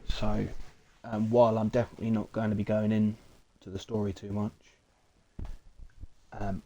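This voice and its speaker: Flat-voiced man rambling over gameplay. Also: lowish voice, normal speed, dull audio. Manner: rambling, relaxed, many fillers. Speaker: streamer. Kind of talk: casual gameplay commentary.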